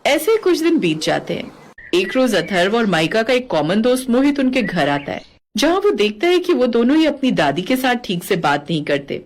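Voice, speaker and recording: A woman's voice: on the high side, very animated, normal speed. A woman narrating a family cartoon story in a plain storytelling manner.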